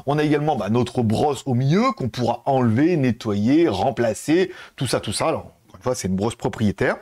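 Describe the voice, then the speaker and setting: A man's voice: mid-range voice, expressive, a little fast, darkish tone, slightly rough. A man from France hosting a casual, chatty product review video, full of fillers and asides. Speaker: tech reviewer.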